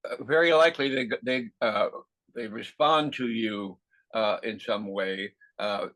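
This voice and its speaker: A man interviewing casually, with a hesitant, halting way of putting things. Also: on the low side, fairly bright tone.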